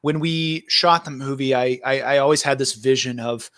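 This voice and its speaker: A man's voice: medium pitch, fairly even intonation, normal speed, a bit bright, no echo, studio quality. A man hosting a livestream as the filmmaker, talking casually and rambling with many fillers and restarts. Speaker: filmmaker host.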